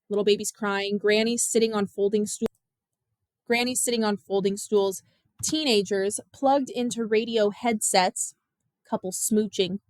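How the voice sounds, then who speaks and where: Female audiobook narrator, measured and expressive, fairly high voice, dry close mic. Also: dry recording. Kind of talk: scripted narration.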